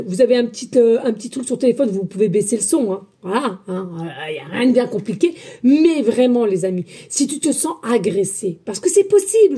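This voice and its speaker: A woman medium giving a spiritual guidance reading, talking loudly and emphatically and chatting with her viewers as friends. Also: a little high, slightly rough. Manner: loud, emphatic, energetic talk. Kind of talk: casual spoken guidance to viewers.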